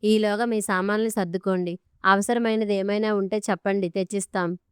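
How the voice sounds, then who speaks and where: A woman's voice: mid-range voice, steady tone, brisk, clean tone, no room sound, studio quality, lightly acted. A woman reading an audiobook story, voicing a stern, commanding older father-in-law. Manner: commanding, blunt.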